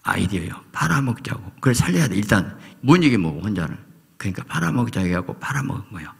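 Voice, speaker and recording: A middle-aged male pastor preaching a sermon, swinging from loud calls to hushed near-whispers. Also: fairly low pitch, very animated, fast talker, gravelly, breathy edge. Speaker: senior pastor. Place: church sanctuary. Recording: long church hall reverb.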